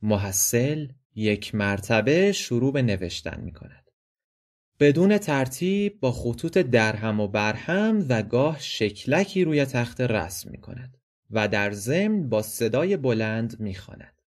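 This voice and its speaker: A man narrating a play as an audiobook, reading stage directions in a measured, expressive way. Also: mid-range voice.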